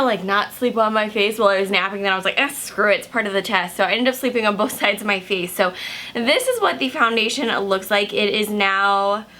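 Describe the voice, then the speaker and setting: Bright-voiced chatty young woman vlogger. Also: a little high. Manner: chatty, filler-heavy with many "like"s. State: slightly hoarse, just woken from a nap. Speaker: makeup vlogger. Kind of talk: casual video check-ins.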